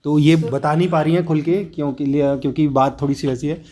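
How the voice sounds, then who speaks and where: A man's voice: a little high, flat delivery, brisk, mellow, a little hiss or hum. Man interviewing, explaining for listeners. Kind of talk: testimony interview.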